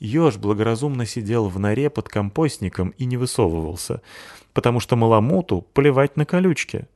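A man narrating a children's story in a lively, expressive reading voice. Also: mid-range voice, fairly quick, no room sound.

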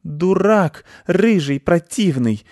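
A man's voice: medium pitch, expressive, a little slow, darkish tone, no echo, studio quality, voice pushed up, lightly acted. A man voicing a haughty, pampered female house cat who speaks in a prim, condescending way.

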